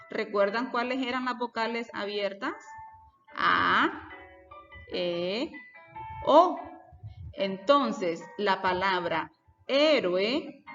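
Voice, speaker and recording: A woman teacher giving a lesson, explaining step by step and putting questions to her students. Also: medium pitch. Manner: deliberate, explains step by step and asks the class questions. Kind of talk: recorded class lesson. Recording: reverberant, dull lo-fi sound with faint music.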